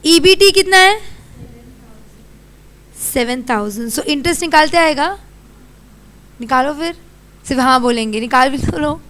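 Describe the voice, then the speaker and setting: A young Indian woman lectures a classroom in a high, bright voice. She quizzes her students in a brisk, scolding way. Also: lively intonation. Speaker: teacher.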